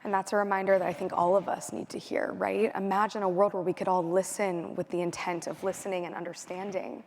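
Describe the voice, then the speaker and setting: A woman's voice: fairly low pitch, little pitch movement, a little fast, darkish tone, a little hiss or hum. A woman moderating an onstage interview, effusive and encouraging as she poses her questions. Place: conference stage.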